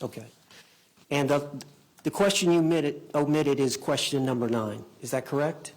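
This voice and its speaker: Male trial attorney, fairly high-pitched, halting courtroom examination with repeated phrasing. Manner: halting, repeats and rephrases his questions. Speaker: attorney questioning a witness.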